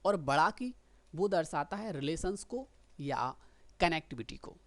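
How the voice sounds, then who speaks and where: A woman's voice: deep voice, expressive, unhurried. A woman teaching shorthand, explaining patiently and often checking that listeners follow. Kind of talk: explanatory lesson.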